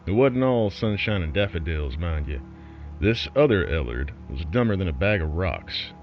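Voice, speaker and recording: A man voices a wry, folksy underground broadcaster delivering a scripted horror story as a broadcast, his low voice sing-song and expressively varied at a moderate pace. He sounds sardonic and conspiratorial, set over music in a slightly muffled recording.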